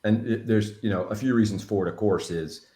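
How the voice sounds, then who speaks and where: Man, Southern Texas accent, low voice, folksy, animated, casual coaching, echoey room. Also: a little fast. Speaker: real estate agent.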